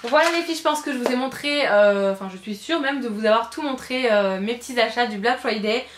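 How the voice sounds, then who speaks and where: A woman's voice: on the high side, brisk, roomy sound. A woman beauty vlogger chatting casually through a shopping haul, gushing and repeating words for emphasis, with frequent hesitations. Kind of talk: casual haul video chat.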